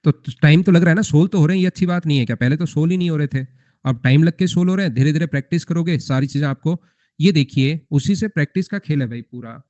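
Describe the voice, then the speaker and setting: A man's voice: fairly high pitch, quick pace, mellow, dry recording. A young man teaching a math class live, repeating points and quizzing his students with rhetorical questions. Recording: muffled lo-fi recording.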